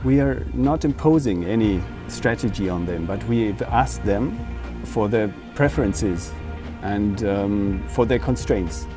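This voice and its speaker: A researcher, a man, calmly explaining his project's approach in an interview. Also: on the low side, a little slow, few pauses, music in the background. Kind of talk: interview answers.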